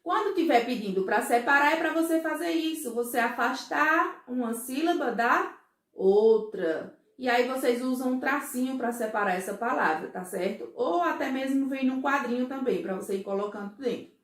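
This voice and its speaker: A woman teaching a first-grade class, explaining slowly and patiently, often checking that the children follow. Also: high voice, expressive, reverberant. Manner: slow, patient, syllable-by-syllable explaining; frequent checking questions to pupils. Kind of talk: recorded remote class for children.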